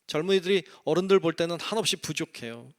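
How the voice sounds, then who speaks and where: A man's voice: on the high side, animated, fast. A middle-aged man, a senior pastor, preaching a sermon in a conversational way, addressing the congregation and acting out little quoted voices. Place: church sanctuary.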